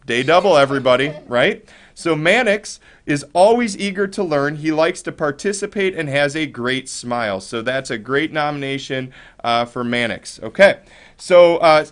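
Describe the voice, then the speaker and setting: A man's voice: a little high, a bit bright. A man hosting casual, upbeat school morning announcements in an encouraging, chatty, jokey way.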